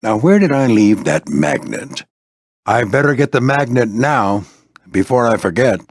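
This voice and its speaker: Unhurried and encouraging, this aged warplane character from an animated video game plays a gruff, fatherly squadron mentor whose pitch roams up and down. He talks in a folksy way sprinkled with clipped military turns, in a close, dry recording with no echo.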